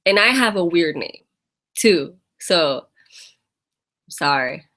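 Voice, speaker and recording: With a lowish, fairly bright voice and lively intonation, this woman from the United States talks at a slow pace. She's hosting a relaxed live-stream fitness Q&A, laughing and welcoming viewers by name.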